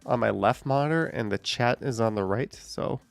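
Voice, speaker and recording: A man in his thirties works through viewer comments on a live stream, reading them aloud and tossing off dry asides. His voice has a gravelly, fry-edged texture at a middling pitch. Faint music plays underneath. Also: normal speed, dry recording. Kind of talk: casual live-stream chat.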